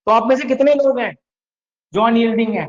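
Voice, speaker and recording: A man's voice: very high voice, a little fast, highs cut off. A man teaching English vocabulary in an online exam-prep class, drilling students with repeated questions and mixing English words into Hindi explanations.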